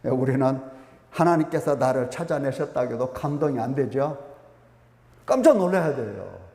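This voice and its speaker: A man preaching a sermon as pastor, animated, rising to emphatic peaks and dropping to quiet asides. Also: medium pitch, normal speed, reverberant, in a large hall. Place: church sanctuary.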